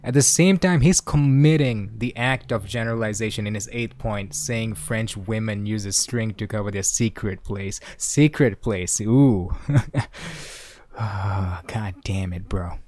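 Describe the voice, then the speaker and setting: A man's voice: fairly low pitch, steady tone, moderate pace, few pauses, a little mellow. A young man hosting a casual solo podcast, rambling and swearing as he talks things through, laughing now and then. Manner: rambling, profane, laughs often. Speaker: podcast host. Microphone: desk microphone, clipping.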